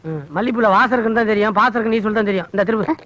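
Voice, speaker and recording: A quick-talking, playful father who teases his wife and spoils his boy. His lines come fast and light, in a film comedy scene. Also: high voice, steady tone, a bit bright, lo-fi sound. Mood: teasing. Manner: teasing and playful.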